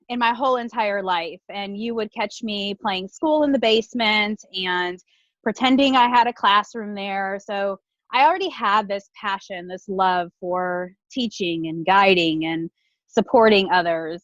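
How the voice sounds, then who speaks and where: A woman of forty from Buffalo, New York, a nutrition coach answering as a podcast guest, telling her story in a steady, earnest way. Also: mid-range voice, a little slow, dry recording, low-quality recording. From Buffalo, New York, USA. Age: 40s. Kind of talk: interview answers.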